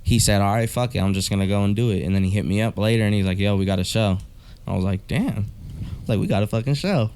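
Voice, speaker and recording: A man's voice: on the low side, fast talker, a little mellow, a little hiss or hum. A man in his twenties chatting casually as a podcast guest, joking and swearing freely. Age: 20s. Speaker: musician guest.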